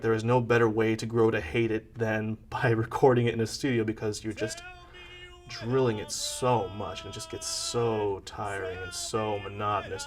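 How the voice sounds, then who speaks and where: A singer-songwriter in his mid-twenties, talking in a slow, deliberate and wry way. His voice is low and sits some distance from the mic. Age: 20s. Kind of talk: casual documentary interview.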